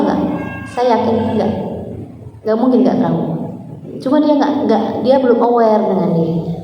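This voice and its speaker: A middle-aged woman giving earnest, slowly emphasized parenting advice to mothers. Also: a little high, muffled recording, slight background noise. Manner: earnest, slow emphatic phrasing. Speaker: parenting speaker. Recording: echoey hall, voice from far off.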